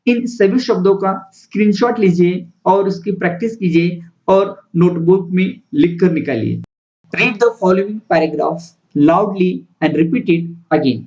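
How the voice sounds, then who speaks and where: A man's voice: high voice, a little mellow, poor audio. A male teacher giving a spoken lesson, spelling words out letter by letter and then sounding them out in long lists for students to repeat. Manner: slow, deliberate word lists for repetition. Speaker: English teacher.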